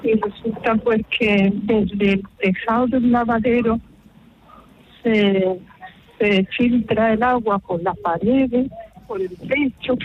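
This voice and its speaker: A woman calling in to a radio advice show over the phone, explaining her problem in a halting way and repeating herself. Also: a little high, steady tone, husky, no echo. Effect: heard over the phone. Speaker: radio caller. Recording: tinny phone line, faint noise.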